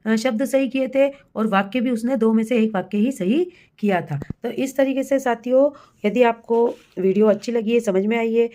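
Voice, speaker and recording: Woman, teacher, somewhat high voice, patient explanatory lesson, addresses colleagues, slow dictation of words. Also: mellow. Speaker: primary school teacher.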